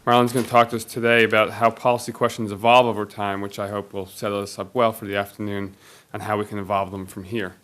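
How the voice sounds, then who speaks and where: A man moderates a conference panel with a low, smooth, resonant voice. He introduces the next speaker, halting and restarting often. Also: little pitch movement, a bit bright.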